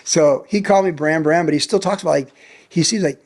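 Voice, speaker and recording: This man speaks fast, with a fairly high, slightly mellow voice. He's an American in his sixties, a former pro surfer and pastor, guesting on a podcast where he tells an animated, vivid story and repeats lines for emphasis.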